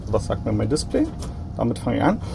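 A man's voice: lowish voice, very animated, fairly quick, over music. A man, a train driver, casually explaining his job as he works in the cab. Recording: clear train cab noise.

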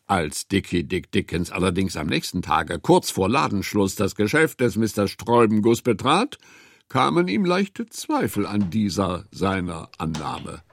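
Male radio drama narrator, husky and dry close sound, wry storytelling. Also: on the low side, sing-song, a little slow, no room sound.

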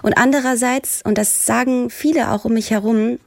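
A woman journalist speaking with heartfelt earnestness, pausing and searching for her words. Her voice is close and dry, with no room around it. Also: on the high side, steady tone, gravelly, dry recording. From Germany. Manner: heartfelt, searching, many fillers. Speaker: journalist and presenter, guest. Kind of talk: earnest discussion.

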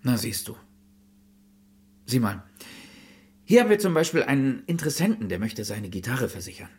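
Raspy salesman, voice jumping around, begging and coaxing. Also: mid-range voice, very animated, normal speed. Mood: persuasive. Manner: persuasive, apologetic pleading. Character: earnest pleading male insurance seller. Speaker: insurance salesman. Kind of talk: film drama acting.

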